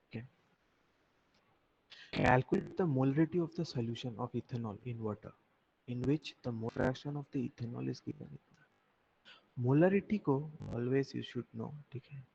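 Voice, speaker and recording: Young male tutor, online lesson, slow gravelly delivery, lo-fi call audio. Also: medium pitch, darkish tone. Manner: slow, repetitive explaining, mixing Hindi and English, asking students questions. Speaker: chemistry teacher. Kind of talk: online class lecture. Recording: dull lo-fi audio with faint noise.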